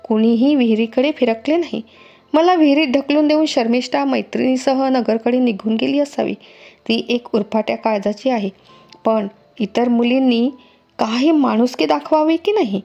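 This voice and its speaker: A woman reading a novel aloud as a first-person storyteller, with an expressive, dramatic delivery. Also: a little high, creaky, highs cut off. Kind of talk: audiobook narration.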